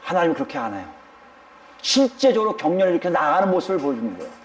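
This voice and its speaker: High, lively-voiced male preacher. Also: very fast. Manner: emphatic, addresses the congregation directly. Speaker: pastor. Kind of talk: sermon.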